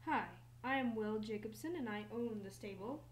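A plain-spoken stable owner lays out his barn in a doll video, as a teen girl puts him on. The voice stays close to her own, fairly high, with a steady, matter-of-fact delivery and a faint hum underneath. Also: moderate pace, lightly acted, rough recording. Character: man who owns a stable, plain and businesslike. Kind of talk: doll video role-play.

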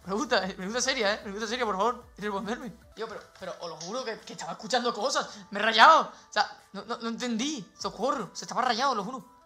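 A man with a Spain Spanish accent streams himself playing, his voice sitting unusually high and sounding bright and sharp. He talks fast and excitably and often bursts into shouts and laughs. Soft music plays quietly behind him. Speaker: gaming streamer. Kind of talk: live gameplay commentary.

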